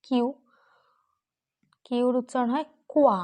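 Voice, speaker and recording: A woman leads a phonics lesson, drawing out each letter sound as she models it. She speaks slowly and deliberately, in a somewhat high voice. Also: fairly even intonation, a little mellow. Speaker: teacher.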